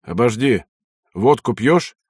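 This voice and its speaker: A man's voice: medium pitch, animated, slow, a little mellow, husky, dry recording. A hard-edged young officer, read by a male audiobook narrator, clipped and commanding with a cynical streak. The voice stays close to the reader's own and sounds dry and near. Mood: curt. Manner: curt and commanding, sometimes mocking.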